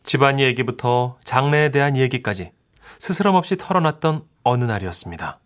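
A man's voice: mid-range voice, expressive, fairly quick, noisy background. A man reading scripted storytelling narration as the narrator of a radio drama.

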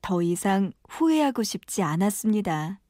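A woman reading scripted documentary narration in a gentle, measured voice-over. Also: mid-range voice, very animated, dry recording, clean studio sound.

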